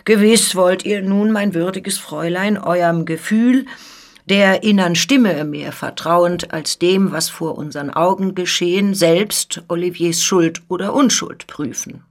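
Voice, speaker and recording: A woman's voice: fairly low pitch, a little slow, lightly acted. A woman reading the part of a stern older male police president, menacing and insinuating, in a radio reading of a story. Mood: coldly accusing.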